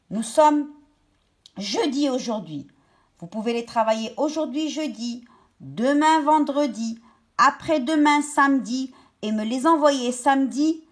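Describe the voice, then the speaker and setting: A woman teacher talking young pupils through a worksheet step by step, stretching out each word slowly. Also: high-pitched. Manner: slow, step-by-step, drawn-out words for young pupils. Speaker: primary school teacher. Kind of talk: remote lesson explaining a worksheet.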